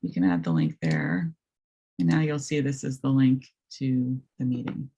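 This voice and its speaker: A woman with a raspy voice presenting a webinar, walking through software step by step with many hesitant ums. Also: rumbling low, big pitch swings, moderate pace, dull audio. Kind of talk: screen-share software walkthrough.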